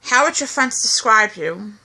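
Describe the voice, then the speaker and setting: A woman's voice: fairly high pitch, expressive, normal speed, bright, forceful tone, slightly rough. A woman in her twenties chatting casually, reading out questions and answering them. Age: 20s. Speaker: co-host. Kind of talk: casual chat.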